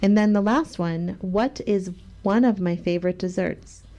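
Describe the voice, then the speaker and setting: A woman's voice: medium pitch, moderate pace, dark tone. A woman co-hosting a podcast, chatting casually and teasingly with her partner. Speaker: podcast co-host. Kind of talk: casual chat between partners.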